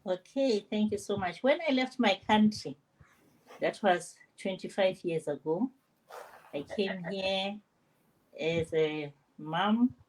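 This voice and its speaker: An older woman from South Africa, a nurse and grandmother, telling her story with lively animation on an online panel. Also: mid-range voice, slow, a little hiss or hum, low-quality recording. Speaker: panel guest.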